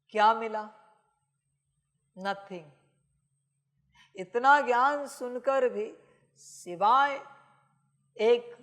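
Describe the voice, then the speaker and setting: A woman giving a channeled sermon, speaking as a divine father to her children, scolding them with emphatic rhetorical questions. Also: medium pitch. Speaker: spiritual messenger.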